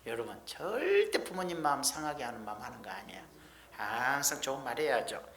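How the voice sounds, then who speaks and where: A woman's voice: rumbling low, sing-song, a little fast. A woman preacher giving a sermon in a folksy, emphatic storytelling manner, with blunt everyday speech. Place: church sanctuary. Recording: echoey church hall.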